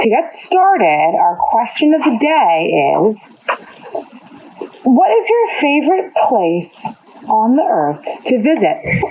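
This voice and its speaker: A woman's voice: a little high, breathy edge. A woman speaking as a preschool teacher in a kindergarten teacher voice, explaining a lesson to children and repeating simple questions. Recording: dull, phone-like narrow sound.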